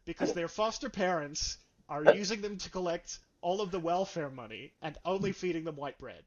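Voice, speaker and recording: A man's voice: sits high, normal speed. Sarcastic ranting man, lo-fi sound. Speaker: film reviewer. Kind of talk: casual film review chat.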